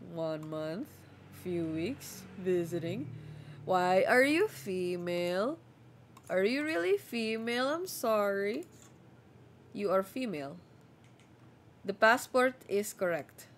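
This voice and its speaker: Slow-talking woman doing game commentary. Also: mid-range voice, animated, slight background noise. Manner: playful, role-plays the border officer. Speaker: game streamer. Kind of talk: gameplay commentary.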